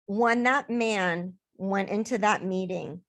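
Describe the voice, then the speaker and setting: A woman's voice: mid-range voice, slow pace, fairly bright tone, slight background noise. A woman life coach talking casually to camera in her vlog, emphatic and repeating words for stress.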